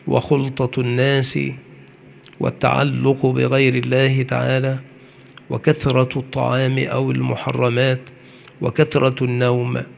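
Male preacher, gravelly and flat, measured lecture delivery. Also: mid-range voice, a little hiss or hum. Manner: measured, slows on key points. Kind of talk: religious lecture.

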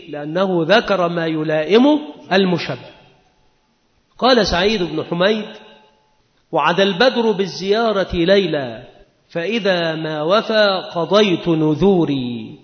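A man teaching Arabic rhetoric in a lecture. He explains each point step by step, asks questions and answers them himself, and recites verses slowly with stress. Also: high voice. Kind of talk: classroom lecture. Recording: dull sound with a long hall echo.

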